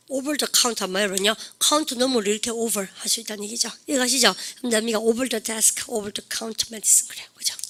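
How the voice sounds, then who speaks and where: A woman teaching English vocabulary in a classroom-style lecture. She coaxes students to repeat after her and draws out English example phrases very slowly. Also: on the high side, sharp tone.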